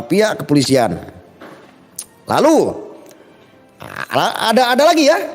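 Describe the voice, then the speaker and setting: Man, commentary host, emphatic and repetitive, long hall reverb, faint music behind. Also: sits high. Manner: emphatic, addresses listeners as "saudara", repeats phrases. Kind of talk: monologue commentary.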